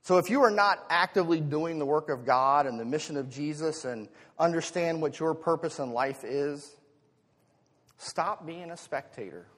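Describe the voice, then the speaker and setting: At a normal speed, an American man with a fairly high, fairly bright voice preaches to a congregation, tossing out rhetorical questions like a pastor. His tone moves from chatty asides to emphatic swells, and the large hall adds long reverb.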